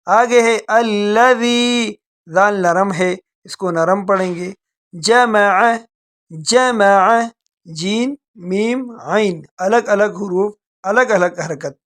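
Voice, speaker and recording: A man teaching a Quran recitation lesson. He explains briskly, then draws out the recited words very slowly. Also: high voice. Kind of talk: tajweed lesson.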